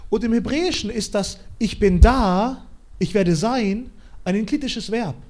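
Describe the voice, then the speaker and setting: A man preaching a sermon in an animated, colloquial way, swinging between quiet and loud. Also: high-pitched, a little slow.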